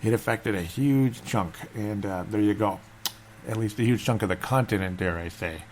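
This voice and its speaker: A man's voice: on the low side, normal speed, darkish tone, slight background noise. A man hosting a casual solo sports fan show in a subdued, held-back voice, as if not to wake anyone, rambling and repeating himself.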